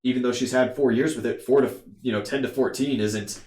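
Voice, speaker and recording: Self-important male official, played by a man for tabletop role-play: formal, hesitant, mid-pitched, roomy recording. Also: steady tone, a little fast, darkish tone, close to an everyday voice. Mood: stuffy, dismissive. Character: male tournament official, stuffy, hedging, self-important dignitary. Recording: roomy echo.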